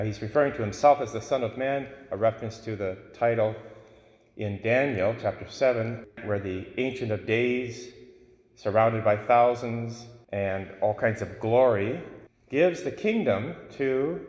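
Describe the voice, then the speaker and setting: A man speaking as a priest, reading the gospel and preaching in a solemn, deliberate way in an echoing, cathedral-like church. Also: on the low side, a little mellow. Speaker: priest giving a homily. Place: large reverberant church. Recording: echoey church with long cathedral-like reverb.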